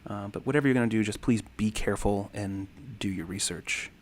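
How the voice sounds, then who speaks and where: A man in his thirties with a fairly low voice speaks a little fast on his casual livestream, and there's a faint hiss or hum. He reads comments in a rambling, friendly way, with lots of ums and thank-yous.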